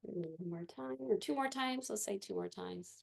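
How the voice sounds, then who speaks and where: Leading a class of gentle movement and meditation, a woman speaks in a raspy, mid-range voice. She gives her directions slowly and softly, using fillers along the way.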